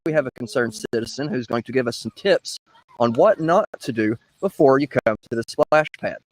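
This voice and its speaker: Man, 30s, mock-official presenter recorded outdoors, lively pitch. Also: moderate pace, poor audio. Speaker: presenter of a comic public notice video.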